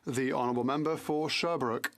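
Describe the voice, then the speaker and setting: A man's voice: mid-range voice, steady tone, fairly quick, a bit bright. A man interpreting formal parliamentary statements in prepared, ceremonial language.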